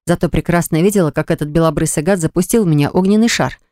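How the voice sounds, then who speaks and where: A woman narrating an audiobook in the first person, with a lively, indignant, sharp-tongued way of telling the story. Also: deep voice, fast, no room sound, studio quality.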